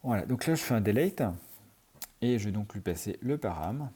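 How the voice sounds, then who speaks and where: A man's voice: fairly low pitch, animated, normal speed, warm tone, slightly rough. A man teaching programming in a screencast, talking through his code as he types, with many fillers. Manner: thinks aloud while typing, many fillers. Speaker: programming tutor. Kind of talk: screencast coding tutorial.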